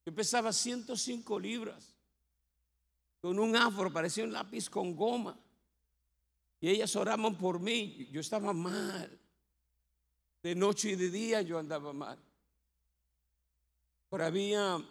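Gravelly-voiced Puerto Rican pastor. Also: male voice, sits high, a bit bright. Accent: Puerto Rican Spanish. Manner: humorous storytelling with acted quotes. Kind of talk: testimony sermon. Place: church sanctuary. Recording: long hall reverb.

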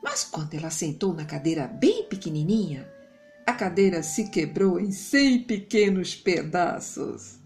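A woman narrating a bedtime story for children, slow and expressive. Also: lowish voice, faint music behind.

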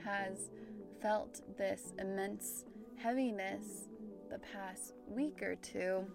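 A woman's voice: medium pitch, steady tone, extremely slow, vocal fry, over music. A woman with a standard American accent, talking casually and reflectively as the host of a spiritual podcast.

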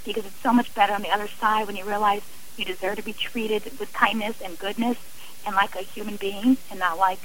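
A middle-aged woman with a medium-pitched, steady, slightly bright voice speaks a little fast as a radio interview guest. Earnest and heartfelt, she describes her own experience and often restarts her sentences, on a rough recording.

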